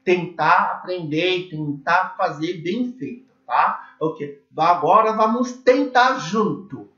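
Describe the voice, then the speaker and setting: A man's voice: high voice, lively intonation, slow, a bit bright. A man who is a native English speaker teaches an informal lesson, with a foreign English accent in his Portuguese, repeating himself and often checking understanding. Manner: repetitive, emphatic, often checking with "okay?". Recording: echoey room, dull muffled sound.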